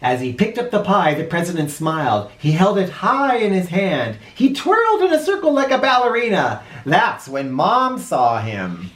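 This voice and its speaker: A man with a high, somewhat bright voice narrates a children's storybook with theatrical playfulness and occasional asides. He moves at a moderate pace with few pauses and big pitch swings. The echoey recording has a little hiss or hum.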